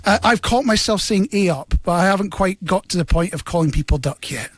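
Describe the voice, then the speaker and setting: Scottish man, thick accent, high animated voice, jokey self-deprecating radio banter, dry close sound. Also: brisk, no room sound. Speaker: new radio presenter, guest in studio. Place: radio studio.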